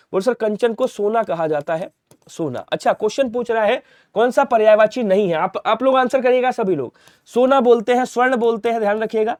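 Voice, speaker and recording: High-voiced man drilling a Hindi lesson. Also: darkish tone, dry recording. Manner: repetitive drilling, asks then answers for students. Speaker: online exam-prep Hindi teacher. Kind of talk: rapid-fire grammar lesson.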